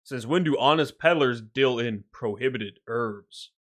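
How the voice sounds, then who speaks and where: A man's voice: medium pitch, a little slow, lightly acted. A man voicing a stern, threatening male guard captain with clipped commands. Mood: commanding.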